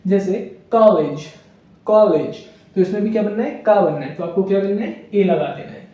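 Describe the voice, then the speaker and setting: A man's voice: high voice, normal speed, mellow. A male teacher giving a grammar lesson, explaining each example through repeated questions and answers. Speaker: English teacher. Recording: echoey, distant, dull room sound.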